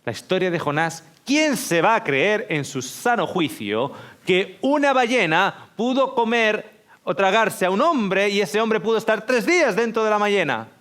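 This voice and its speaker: A man's voice: high voice, animated, moderate pace, a bit bright, voice pushed up. A preacher voicing a mocking male schoolteacher who scoffs in disbelief. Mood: scornful. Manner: raised, incredulous, mocking.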